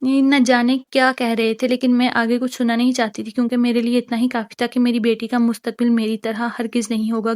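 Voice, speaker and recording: Woman novel reader, steady dramatic first-person delivery, flat pitch, dry close mic. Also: dry recording.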